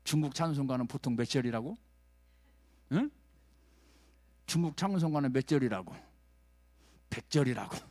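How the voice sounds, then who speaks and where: A man, a pastor preaching a sermon in a folksy manner, checking in with the congregation and swinging from loud urging to hushed lines. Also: medium pitch, expressive, moderate pace, long pauses.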